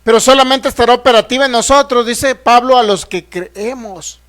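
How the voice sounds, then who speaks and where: A man's voice: very high-pitched, steady tone, normal speed, fairly bright tone. A man, a pastor preaching a sermon who keeps asking the congregation rhetorical questions and acts out the voices he quotes. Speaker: pastor teaching a healing course.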